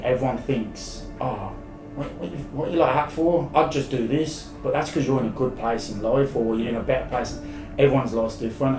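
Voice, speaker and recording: English man chatting, roomy and distant. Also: medium pitch. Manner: informal, matey, rambling. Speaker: podcast guest, live-streamer. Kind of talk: casual interview chat, telling anecdotes. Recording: roomy, distant sound with music behind.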